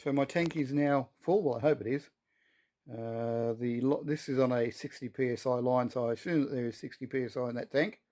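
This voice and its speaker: A man's voice: mid-range voice, fairly even intonation, brisk, warm tone. A man talks casually and chattily to viewers while working in his shed, in a folksy, self-deprecating way. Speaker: host of a workshop video update. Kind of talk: casual workshop vlog, talking while working. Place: workshop shed.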